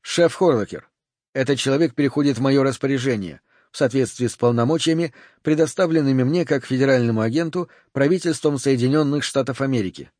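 In an audiobook reading, a man gives a light performance as a male FBI agent who is calm, courteous and commanding, with measured speech. His pitch is medium, and the recording is clean studio sound without echo.

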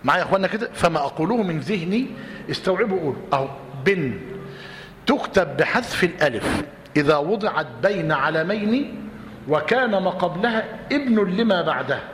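A man's voice: high-pitched, expressive, a little fast, fairly bright tone. Give me an Egyptian man teaching a class who repeats himself and quizzes students, recorded in a reverberant hall. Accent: Egyptian Arabic. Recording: roomy reverberant hall, faint noise.

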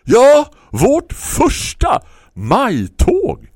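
A man voicing an excitable male neighbor who shouts urgently and preaches about a cause. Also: mid-range voice, dry recording, studio quality, pitched above the performer's own voice. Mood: shouting.

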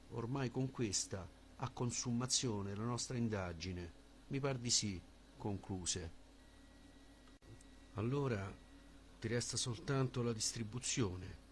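A man reading a philosophical dialogue as an audiobook, with slow, deliberate phrasing. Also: mid-range voice, slight background noise. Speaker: audiobook reader.

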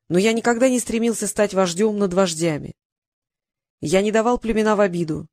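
A reader voicing a plain, steady male desert warrior who speaks calmly and solemnly to his tribe, in a storybook reading. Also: mid-range voice, dry recording, clean studio sound, lightly acted. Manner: calm, measured, solemn.

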